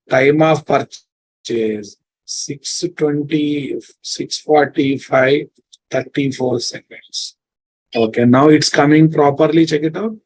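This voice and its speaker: A man's voice: fairly high pitch, no room sound, rough recording. A man with a Telugu Indian accent teaching a live coding lesson, repeating his phrases and often checking in with his students. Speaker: programming teacher.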